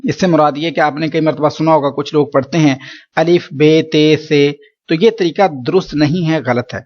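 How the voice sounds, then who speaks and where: A man's voice: on the high side, fairly even intonation, darkish tone, highs cut off. A man teaching Quran recitation rules in a patient, explanatory lesson, often repeating points to check understanding.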